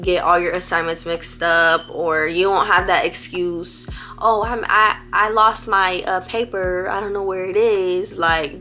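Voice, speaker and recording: Chatty teen girl with bright voice. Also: lowish voice. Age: teens. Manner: chatty, rambling, playful slang. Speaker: vlogger. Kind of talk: casual advice vlog.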